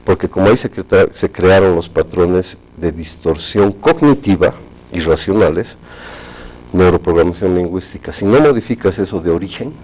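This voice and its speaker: A man speaking as a hypnotherapy guest on a talk show, explaining in a measured, clinical way with technical terms. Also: deep voice, lively intonation, darkish tone, rough recording.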